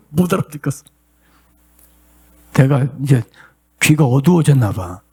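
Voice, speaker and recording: A middle-aged male pastor preaching a sermon, shifting from plain talk to impassioned shouts and sung cries. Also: medium pitch, big pitch swings, slow, breathy edge.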